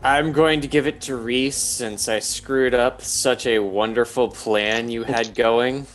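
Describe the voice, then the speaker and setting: A man's voice: mid-range voice, fairly even intonation, takes it slowly, faint music behind. A man chatting casually as a player in a tabletop game.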